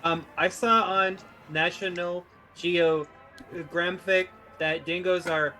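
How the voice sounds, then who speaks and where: A man's voice: a little high, sharp tone. A man playing an earnest, pedantic eight-year-old know-it-all in a tabletop game.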